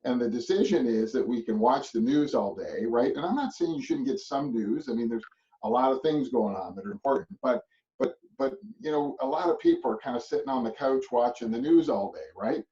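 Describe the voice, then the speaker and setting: A man's voice: mid-range voice, sing-song, a little fast, mellow. A middle-aged man from Canada giving a motivational presentation to real estate agents, rambling and chuckling, with many a tag "right?". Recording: distant muffled mic.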